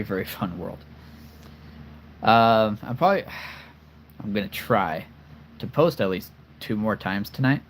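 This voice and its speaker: The host of a collectible figure channel, a man with a lowish voice, runs a casual livestream, talking earnestly and rambling with lots of fillers and restarts. There's a little hiss or hum.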